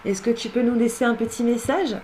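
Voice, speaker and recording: A woman's voice: fairly high pitch, a little fast, very noisy. A woman working as a medium, chatting casually as she replays recordings, repeats the words she hears aloud and speaks directly to the departed. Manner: musing, repeats heard words aloud and addresses the spirit directly. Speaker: medium doing spirit-contact sessions. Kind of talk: casual commentary during a recording session.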